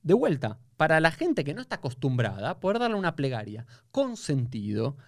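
A man with an Argentine Spanish accent, a rabbi talking in a casual conversation, explaining with animated restarts. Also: a little high, moderate pace, no echo, clean studio sound.

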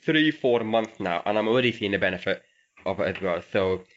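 A man's voice: fairly low pitch, animated, brisk, muffled recording. A man hosting a casual interview podcast in a conversational way. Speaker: podcast host.

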